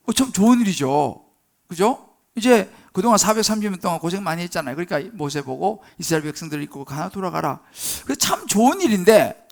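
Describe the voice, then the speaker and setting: A male pastor preaching a sermon in a church, conversational and animated, asking the congregation questions and acting out Bible scenes. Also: sits high, vocal fry.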